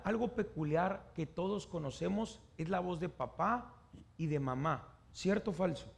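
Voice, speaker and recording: A male preacher with a raised, high-pitched voice. His tone carries a rough, gravelly fry. He keeps turning to his listeners with questions and acts out the voices of the people in his examples. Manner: asks the congregation questions and acts out the people he quotes. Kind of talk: sermon.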